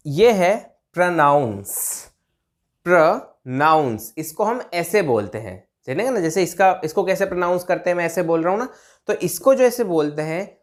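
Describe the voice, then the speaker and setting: Lively male teacher drilling pronunciation. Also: high voice. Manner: repeats words slowly, drawn out, checks in with "theek hai?"; writes on a board while talking. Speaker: English teacher. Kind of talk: pronunciation lesson.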